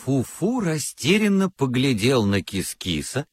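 A man's voice: mid-range voice, sing-song, measured pace, no room sound, clean studio sound. A man narrating a children's story from a script with lots of expression.

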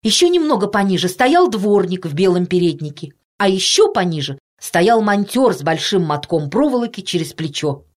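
Expressive woman reading a children's story. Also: mid-range voice, normal speed, few pauses. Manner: expressive, playful. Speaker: narrator.

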